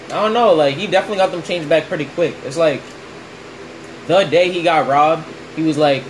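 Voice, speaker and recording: A man's voice: on the high side, a little fast, slight background noise, poor audio. A young man talking while chewing, chatting casually in slang with lots of "like" fillers. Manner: laid-back slangy talk, many "like" fillers. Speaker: vlogger. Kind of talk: casual chat.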